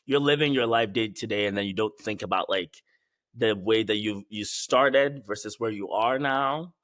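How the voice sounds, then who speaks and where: A young actor from Ghana speaks as a guest in a fairly low voice, relaxed and laughing easily. He restarts his sentences now and then. The recording is dry and close. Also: normal speed, no room sound. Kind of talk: casual interview chat.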